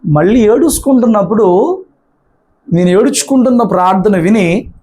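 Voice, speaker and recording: A man preaching with a high-pitched voice, pressing his point through repetition and rhetorical questions. He speaks as a pastor addressing a church congregation. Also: animated, moderate pace, warm tone, slightly rough. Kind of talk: sermon.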